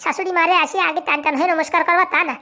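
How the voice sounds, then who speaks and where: A woman's voice: very high-pitched, fairly even intonation, very fast, pushed and bright, exaggerated voice. A woman voicing a bossy elder sister who lectures and orders others about.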